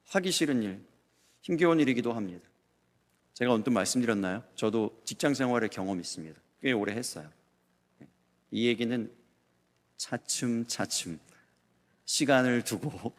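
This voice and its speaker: A middle-aged male pastor giving a Sunday sermon, swinging between loud emphatic peaks and soft, hushed storytelling. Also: mid-range voice, lively intonation, normal speed, long pauses. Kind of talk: Sunday sermon with acted anecdotes. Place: church sanctuary. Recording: long church hall reverb.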